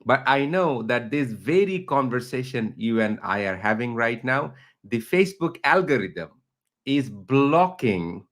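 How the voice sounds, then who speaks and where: A man's voice: mid-range voice, a bit bright. A middle-aged man from Bangladesh, a teacher and researcher, interviewing a guest online with long, earnest questions. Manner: earnest, builds up long questions, rising emphasis.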